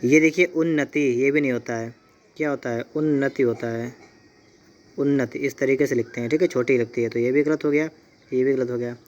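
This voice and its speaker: A male Hindi teacher from India, giving an exam-prep lesson. He spells words out slowly and keeps checking in with his students. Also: mid-range voice, fairly even intonation, a little mellow, muffled recording. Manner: repeats "theek hai" and "dekhiyega", spells words out slowly.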